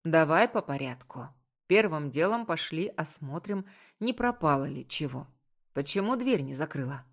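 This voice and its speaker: A calm, protective young man who speaks firmly and gets straight to the point. A woman voices him with a slightly low, steady delivery as she reads. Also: moderate pace.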